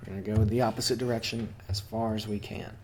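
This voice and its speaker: A man's voice: fairly low pitch, flat delivery, quick pace, darkish tone, slight background noise. A man giving casual, chatty commentary while playing a video game at home, joking about his own skill and talking to his cat. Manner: chatty, self-deprecating, talks to his cat. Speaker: gaming YouTuber. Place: home room.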